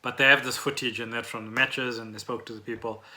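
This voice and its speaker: A South African podcast co-host explains trending news in a chatty, informal way, using a mid-range voice with flat delivery. He talks at a quick pace, and his tone is bright and forceful.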